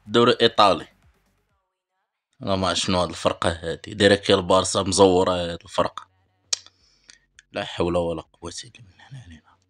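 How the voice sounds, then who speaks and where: A man with a Moroccan Arabic accent hosting a mobile football game channel, giving live pack-opening commentary. He talks chattily to viewers as brothers, sighing with pious exclamations between bursts of excitement. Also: low voice.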